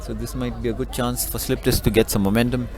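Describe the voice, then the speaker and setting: A man giving color commentary at a live match, calmly explaining tactics and throws. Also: mid-range voice, quick pace, some chatter behind. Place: outdoors at a sports field.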